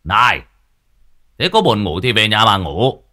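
A man voicing a loud, short-tempered old village man who scolds in booming shouts. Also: sing-song, measured pace, exaggerated voice. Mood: angry scolding.

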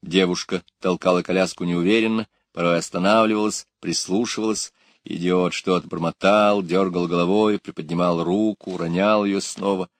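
A man's voice: low-pitched, steady tone, normal speed, no echo, clean studio sound. A man narrating an audiobook in a dramatic reading style. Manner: dramatic, lifts his voice for shouted lines.

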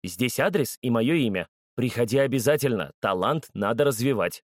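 A tall, sturdy race judge, as a male narrator puts him on, brisk and commanding with a lively, varied delivery. The sound is dry and close. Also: medium pitch, dry recording, natural voice.

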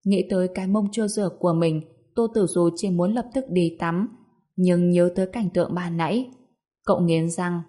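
Low-voiced woman storyteller. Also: fairly even intonation, normal speed, warm tone. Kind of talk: scripted story narration.

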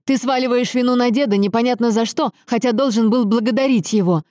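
A woman reader voicing an angry young adult son who shouts and hisses accusations at his father. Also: very high voice, a little fast, no echo, clean studio sound, voice pushed up. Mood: furious. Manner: shouting, hissing, bitter interrogation.

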